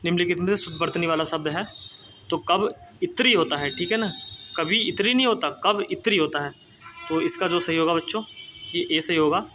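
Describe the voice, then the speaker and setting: A man's voice: fairly high pitch, a little fast, pushed and bright, a little hiss or hum. A man running an exam-prep spelling lesson, repeating each word several times and checking in with his students as he goes.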